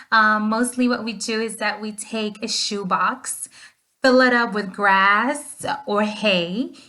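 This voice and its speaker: Woman from the Dominican Republic, student presenter, scripted with small fillers, mid-pitched. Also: a bit bright. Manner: reads from a script with short fillers. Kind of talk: prepared class presentation.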